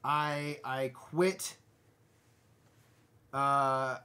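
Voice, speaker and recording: A man in his thirties co-hosting a board game live stream, talking casually in an animated, rambling way and laughing often. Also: medium pitch, extremely slow, clear, resonant tone. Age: 30s.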